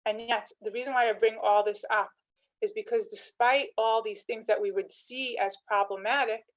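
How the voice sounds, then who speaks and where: Woman teaching scripture, animated. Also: fairly high pitch, moderate pace, poor audio. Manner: animated storytelling with quoted dialogue and rhetorical questions. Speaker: Torah teacher.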